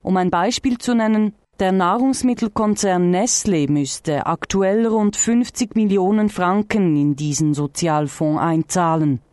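A woman reading a scripted radio news report in a measured, clear way. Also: on the low side, darkish tone, no room sound, clean studio sound.

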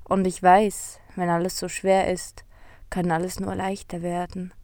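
A woman voicing a sad little male beetle in a storybook, talking in a soft, weepy, sighing way. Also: fairly low pitch, monotone, a little slow, dry recording. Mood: sorrowful.

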